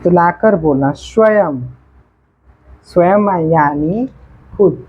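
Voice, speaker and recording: A woman teacher slowly explaining poetry lines to students, repeating words and their meanings. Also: fairly low pitch, slight background noise. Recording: dull lo-fi classroom recording.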